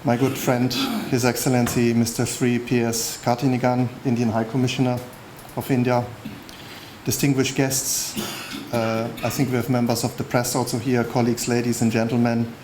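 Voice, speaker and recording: A man speaking as an international official, delivering a formal prepared speech in a measured way at a public event. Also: mid-range voice, flat delivery. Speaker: United Nations official giving a speech. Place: public launch event venue. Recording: faint background noise at event.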